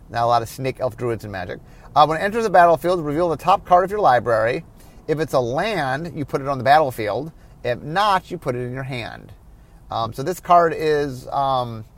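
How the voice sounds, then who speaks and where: A tired man, a card game designer, explaining his work in a solo podcast, often correcting himself and pausing with fillers. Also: medium pitch. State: tired, yawning.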